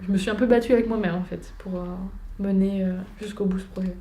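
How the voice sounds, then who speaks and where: A young woman giving a personal testimony, pausing often and searching for her words. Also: medium pitch, fairly even intonation, mellow. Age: young adult. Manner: hesitant, many filler pauses. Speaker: young program participant. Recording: echoey room with faint noise.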